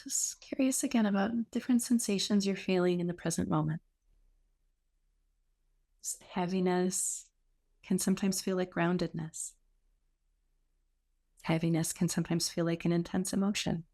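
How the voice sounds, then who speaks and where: Leading a guided meditation, this teacher has a lowish voice and a steady tone. Her delivery is unhurried and gently instructive, with pauses throughout.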